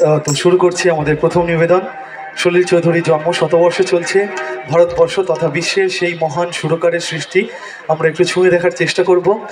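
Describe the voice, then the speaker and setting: A man's voice: a little high, level tone, normal speed. A man speaking as a music school presenter, giving a modest, informal introduction to a stage performance. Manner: modest, apologetic. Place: public carnival stage. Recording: distant stage PA, music behind.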